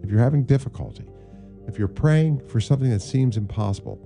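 A man with a smooth radio host delivery, hosting a call-in prayer show and leading callers through a call-and-response prayer. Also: medium pitch, a little fast, mellow, faint music behind.

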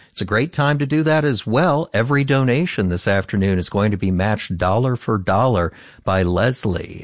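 An American man hosts a public radio fund drive in a low voice with animated intonation. He sounds earnest and appreciative, and the recording is close and dry. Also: no room sound. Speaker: local public radio host. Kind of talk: live fund drive pitch.

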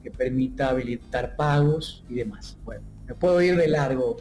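A man in his thirties from Ecuador, a startup founder answering interview questions fluently with frequent filler pauses and restarts. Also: medium pitch, darkish tone, soft background music. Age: 30s. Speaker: tech startup founder, guest.

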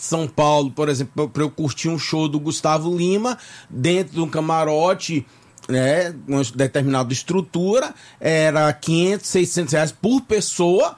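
A man from Bahia, Brazil, speaks on a morning radio show as a tax consultant guest. His voice sits a bit high for a man, and he rambles, restarts and repeats words as he explains. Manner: chatty, repeats himself, many fillers. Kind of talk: casual radio interview. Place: radio studio.

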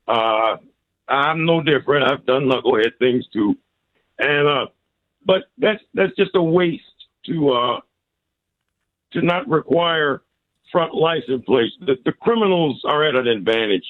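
A male radio caller talking over a phone line that keeps breaking up, speaking in a halting way with many pauses. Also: medium pitch, animated, no room sound. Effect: phone call line.

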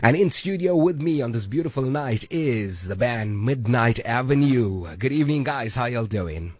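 Upbeat radio host. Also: male voice, mid-range voice, expressive, dry recording. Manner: upbeat, hyping, quick asides. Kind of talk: lively radio presenting. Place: radio studio. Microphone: studio microphone.

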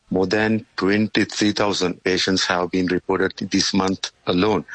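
Very deep, flat-voiced male correspondent. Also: no room sound, poor audio. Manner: measured, hesitant with many fillers. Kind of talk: news report.

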